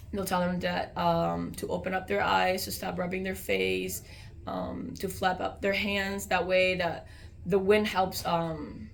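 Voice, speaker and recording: A woman's voice: fairly low pitch, gravelly, a little hiss or hum. An American woman, a soldier, explaining training procedures in an informal interview.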